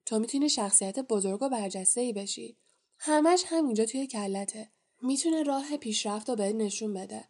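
A woman's voice: fairly high pitch, dark tone, breathy edge. A woman reading the part of a sly, probing old male magical hat in an audiobook, musing and coaxing as it thinks aloud. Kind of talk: audiobook character voice.

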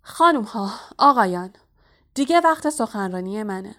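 A woman's voice: medium pitch, lively intonation, vocal fry, pushed and bright. A woman voicing a dry, formal male ghost who is easily offended, in a storybook reading. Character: stiff, offended half-headless male ghost host.

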